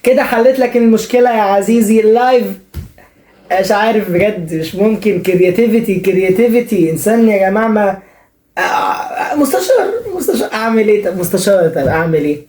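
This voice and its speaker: Young egyptian guy rattling off jokey advice, fast and teasing, mellow voice, echoey room. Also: high-pitched. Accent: Egyptian Arabic. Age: young adult. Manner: joking, teasing, playfully sarcastic. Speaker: advice show host. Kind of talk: comic advice monologue.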